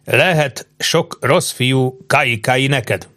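A man's voice: medium pitch, sharp tone, voice pushed up, natural voice. A man doing a surly, defiant island chief. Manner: slow, defiant broken pidgin speech.

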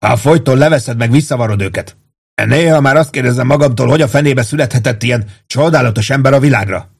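Guy doing a touchy army sergeant, shouty and indignant, low husky voice pushed up high. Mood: shouting angrily. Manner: shouting, indignant, raised pitch.

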